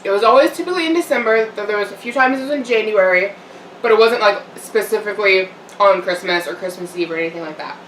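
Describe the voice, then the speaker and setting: With a medium-pitched, slightly bright voice, a young woman vlogger chats quickly while eating on camera at home. She rambles casually, full of fillers and little laughs. There's slight background noise, and the echoey room and mic placed a bit far off color the sound.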